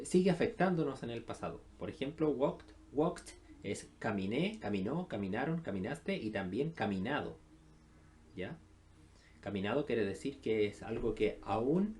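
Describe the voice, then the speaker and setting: A man teaches an English lesson in a recorded online class, explaining step by step with lots of filler sounds and frequent check-ins with his students. His voice is mid-range and a little mellow.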